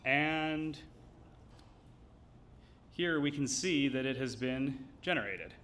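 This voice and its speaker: A man giving a live technical demo, explaining it in a hesitant, measured way. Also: mid-range voice, fairly bright tone, a little hiss or hum. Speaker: engineer presenting a demo.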